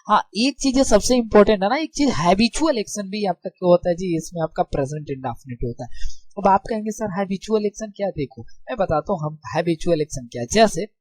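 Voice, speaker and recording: A man's voice: high voice, darkish tone, no echo. A young man teaching a grammar lesson in a casual, friendly way. He keeps asking rhetorical questions and checking that his students follow. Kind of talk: casual classroom explanation.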